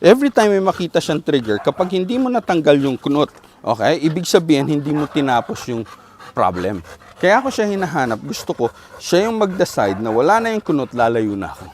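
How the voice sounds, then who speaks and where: A man with a Filipino accent, a dog trainer coaching an owner outdoors with calm, repeated short commands. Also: fairly high pitch, fairly quick.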